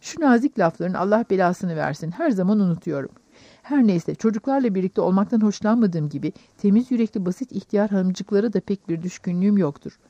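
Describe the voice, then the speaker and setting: A woman reading the part of a sarcastic, brusque middle-aged gentleman in an audiobook, with a deep, mocking voice, on a dull recording. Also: expressive, brisk, no room sound.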